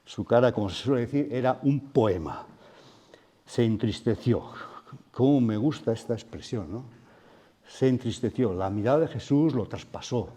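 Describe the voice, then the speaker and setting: A man with a medium-pitched, mellow voice and a breathy edge gives a sermon at a retreat meeting room. Expressive and moderately paced, he reflects thoughtfully and often asks the audience questions.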